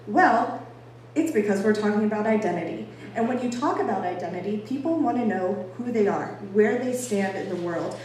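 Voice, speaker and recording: A Bostonian woman with a medium-pitched, slightly mellow voice gives an informal public talk, emphatic and conversational, poking fun at herself playfully. She's in an echoey indoor venue before an audience, recorded on a distant mic in a reverberant room with faint noise.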